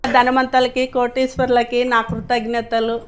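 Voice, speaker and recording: A woman's voice: fairly high pitch, little pitch movement, unhurried, a little hiss or hum. A middle-aged woman, giving a rambling, earnest personal testimonial as a class attendee.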